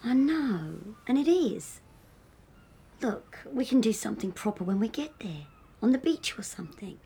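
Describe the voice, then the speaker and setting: A worn-out woman in a television drama, curt and impatient. Her voice sits fairly high and often drops into a tired whisper. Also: sing-song, normal speed, mellow, a little hiss or hum. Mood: weary. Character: tired, irritable woman with a headache. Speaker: bride-to-be.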